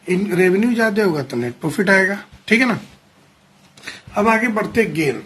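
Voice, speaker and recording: A male teacher giving a classroom accounting lecture. He explains step by step, calls the students "children", checks often whether they follow, and reads definitions out slowly. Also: sits high, breathy edge.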